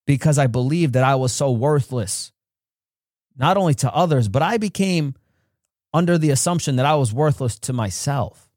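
A man hosting a podcast, telling a personal story in an earnest way and acting out quotes with big jumps in pitch. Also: lively intonation, normal speed, darkish tone, no echo, studio quality. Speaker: podcast host.

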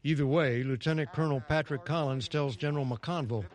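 A man's voice: medium pitch, quick pace, noisy background. A man with an American accent reading scripted narration for a broadcast news report. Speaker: news correspondent.

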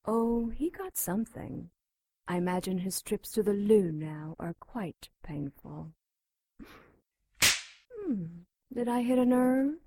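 A woman voicing a seductive, taunting female demon held captive, who speaks in breathy whispers with a slow, mocking delivery. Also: fairly high pitch, warm tone, no room sound, full character voice. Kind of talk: audio drama acting.

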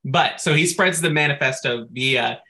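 Bright-voiced man explaining game lore. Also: medium pitch, moderate pace. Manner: explanatory, recapping game lore with frequent "like" asides. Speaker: podcast co-host. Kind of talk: casual podcast chat.

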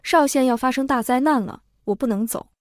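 A sorrowful young noble lady, voiced by a woman storyteller speaks softly, sighing yet firm. The voice sits a little high and the recording is dry. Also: a little fast, no room sound, lightly acted. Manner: soft, sighing, calm.

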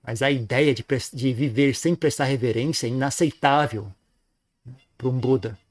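A man gives a Buddhist teaching, talking in an easy, conversational way. He keeps tagging his phrases with a questioning "right?" at a mid pitch, as if checking in with his listeners. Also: normal speed. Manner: relaxed, frequent "né?" tag questions. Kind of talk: dharma talk.

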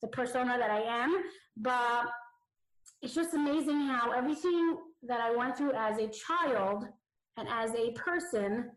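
A woman comedian chatting casually as a podcast guest, her audio muffled and warbly as if recorded underwater. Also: fairly high pitch. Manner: chatty, loose, full of "like" and "you know what I'm saying". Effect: muffled, warbly underwater-sounding audio. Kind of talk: casual interview chat. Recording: garbled, echoey remote audio.

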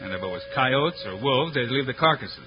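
An actor playing a steady heroic marshal, calm and commanding, in an old radio western. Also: male voice, medium pitch, a little fast, close to an everyday voice. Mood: firm. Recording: muffled old radio recording with hiss.

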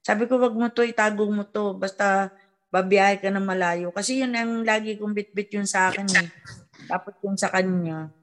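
A woman's voice: medium pitch, moderate pace. A middle-aged woman, a mother and folk healer, chatting casually with her family and acting out the people she quotes. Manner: animated storyteller who acts out quoted dialogue.

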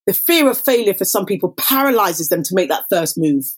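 A woman's voice: medium pitch, big pitch swings, fairly quick, slightly rough. A woman life coach who speaks as a podcast guest in an emphatic, motivational way and uses catchphrases. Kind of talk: casual conversation.

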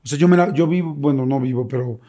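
A man telling a story in casual chat, animated and acting out screams. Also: mid-range voice, fast. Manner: animated, acts out screams and gasps. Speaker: guest.

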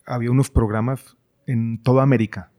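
A middle-aged man, a guest in an interview, speaking in a thoughtful, measured way with frequent hesitations. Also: medium pitch, fairly even intonation, warm tone. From Colombia. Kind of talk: reflective conversation.

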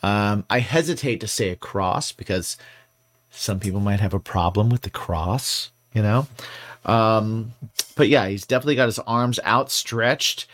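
This podcast co-host has a lowish, fairly bright voice and talks a little slowly. He keeps things casual, meandering playfully and dropping in many filler words.

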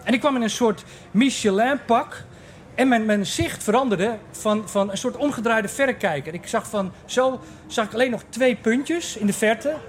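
A man's voice: very high-pitched, normal speed, slight background noise. A man in his forties telling a comic personal story, acting out other people's voices and sound effects. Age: 40s. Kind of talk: personal anecdote told to listeners.

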